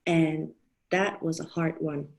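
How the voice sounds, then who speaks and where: A woman's voice: deep voice, fairly even intonation, slow pace, gravelly, a little mellow. A woman in her thirties who grew up in Germany, giving an online talk on parenting to fellow coaches, thoughtful, with frequent fillers and restarts. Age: 30s.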